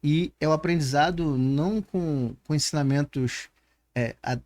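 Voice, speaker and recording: A slightly high, somewhat dark-toned male voice moves a little slowly. The man, who has a Brazilian Portuguese accent, hosts a conversational podcast interview, thinking reflectively and shaping long questions with examples.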